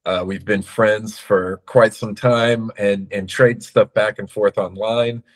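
A man speaking as a guest in a casual online chat over a video call, relaxed and full of fillers. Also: lowish voice, slow pace.

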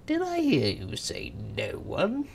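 Guy doing a squeaky sly imp voice, snippy little creature. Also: wildly swooping pitch, slow, vocal fry, a little hiss or hum, exaggerated voice. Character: sly odd little male imp, snappish.

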